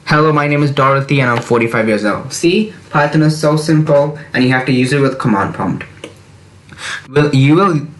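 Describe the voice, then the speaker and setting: A man's voice: mid-range voice, moderate pace. A young man teaching a beginner programming lesson, walking through each step aloud and repeating that it is simple. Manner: repetitive, reassuring, walks through steps aloud. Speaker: programming tutor. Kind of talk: screen-recorded coding tutorial.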